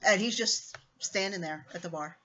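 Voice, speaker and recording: A woman's voice: mid-range voice, moderate pace, sharp tone. A woman narrating a tabletop vampire game as game master, laughing often and calling for rolls. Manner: laughs often, directs players to roll. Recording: muffled lo-fi stream audio.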